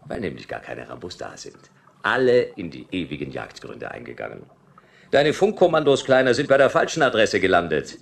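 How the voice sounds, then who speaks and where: World-weary radio-play detective, low husky voice, sardonic narration. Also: male voice, big pitch swings, a little fast, exaggerated voice. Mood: cutting. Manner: dry, sardonic, clipped. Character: hard-boiled private detective Jonas, world-weary.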